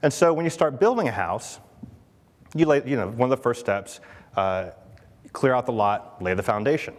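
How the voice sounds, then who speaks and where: A man's voice: medium pitch, expressive, moderate pace. A man speaking at a conference, chatty and full of fillers, often checking in with the audience. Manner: chatty, asks the audience questions, many fillers. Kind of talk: conference keynote talk. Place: large conference hall. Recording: long hall reverb.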